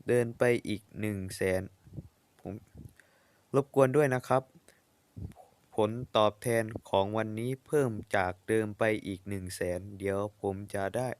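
A man voicing a gentle, doting, middle-aged father who speaks softly and politely in a manga comic voice-over dub. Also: fairly low pitch, unhurried, dry recording, close to an everyday voice. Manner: soft, soothing, polite.

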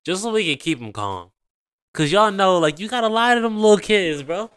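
Dude reacting to cop videos, laughs a lot, voice jumps all over, bright tone. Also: male voice, high voice, a little fast, clear, resonant tone. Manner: animated, laughing, slangy. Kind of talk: casual reaction commentary.

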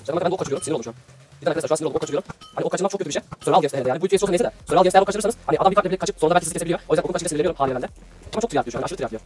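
This young man from Adana rattles off quick gaming commentary in a high, eager voice. He talks to his viewers in loose, chatty slang and keeps the energy up as he plays. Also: soft background music. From Adana, Turkey. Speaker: gaming YouTuber. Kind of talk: live gameplay commentary.

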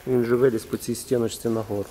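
A man talks casually into a handheld camera while he picks his way through a dark, abandoned concrete hall. His voice sits in a middling register, with a faint hiss of noise behind it. He calls out to a friend now and then as he explores. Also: mid-range voice, little pitch movement, quick pace. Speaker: urban explorer filming. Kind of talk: casual handheld vlog narration.

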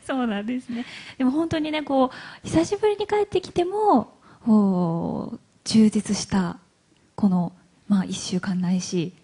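Chatty, husky woman MC. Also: fairly high pitch, a little slow, dark tone. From Hiroshima, Japan. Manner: chatty, laughs often, many fillers. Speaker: event MC and interviewer. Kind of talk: live stage interview. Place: event hall stage.

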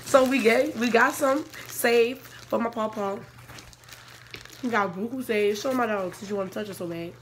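A woman's voice: a little high, normal speed. A young woman hosting her vlog in a casual, conversational way. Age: young adult. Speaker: vlogger, channel host. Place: small office-like room, indoors. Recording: faint room noise, casual camera audio.

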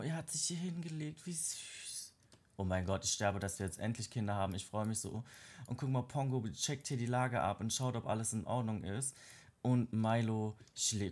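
A man hosting a casual game let's play, gushing and excitable, often squealing up high over cute moments. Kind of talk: casual gameplay commentary.

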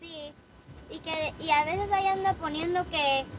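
Very high-voiced woman scolding firmly. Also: steady tone, a little slow, rough recording. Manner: scolding, firm and exasperated. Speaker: vlogger. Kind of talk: casual vlog chat.

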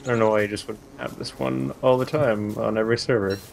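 A man chatting casually with a friend during an online game, laid-back and quick to laugh. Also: on the low side, steady tone, vocal fry, a little mellow, slight background noise. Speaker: co-player. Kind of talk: casual chat over voice call.

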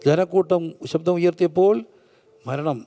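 A man preaching a Bible study sermon in a fervent, rhythmic call-and-response style, sometimes dropping to a soft, hushed storytelling voice. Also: on the high side, moderate pace.

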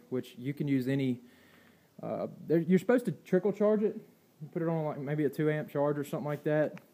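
This is a casual walkthrough of kayak gear, filmed on a handheld phone in a garage or storage room. The man's voice is mellow and medium-pitched, and he rambles in a plainspoken way, with fillers and restarts.

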